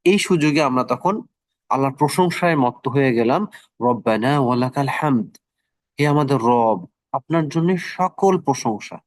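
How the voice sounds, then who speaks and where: Man teaching slowly, repeating words. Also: medium pitch, expressive, dry recording. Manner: slow, repeats words for practice. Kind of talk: online class lecture.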